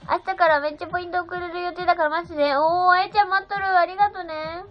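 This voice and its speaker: This seventeen-year-old girl talks very fast in a very high-pitched voice with fairly even intonation. She's bubbly on her phone livestream, reading comments and thanking viewers one by one, against slightly dull sound and faint music.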